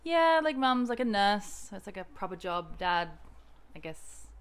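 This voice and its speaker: A woman's voice: medium pitch, very animated, unhurried, clear, resonant tone. A woman in her late twenties hosting a podcast, chatty and laughing often in casual conversation. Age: 20s. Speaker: podcast host. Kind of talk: casual chat.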